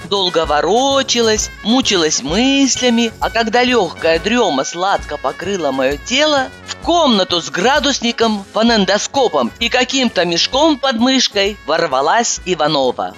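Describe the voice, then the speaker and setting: A woman narrates a comic novel in the first person. Her bright voice rises and falls a great deal, and the heroine's lines come out as exasperated outbursts. Faint music plays under the reading. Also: medium pitch, expressive, a little slow, few pauses. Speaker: audiobook narrator.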